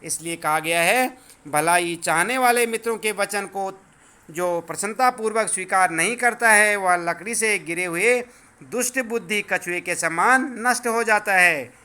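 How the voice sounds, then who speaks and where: A male teacher explaining a school lesson to children, patiently repeating words slowly so they learn the pronunciation. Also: sits high, bright, forceful tone, clear, resonant tone.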